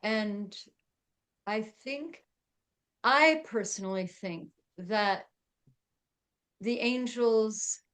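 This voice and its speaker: A woman's voice: fairly high pitch, drawn-out words, pauses often, a bit bright, smooth. A middle-aged woman chatting as a podcast guest, with lots of fillers and frequent laughs. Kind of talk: casual interview chat.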